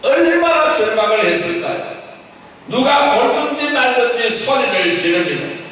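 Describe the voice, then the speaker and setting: A man's voice: very high voice, sing-song, a little slow, fairly bright tone. A male pastor preaching a Sunday sermon, with emphatic rising bursts when he quotes cries. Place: church sanctuary. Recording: echoey church hall from far off.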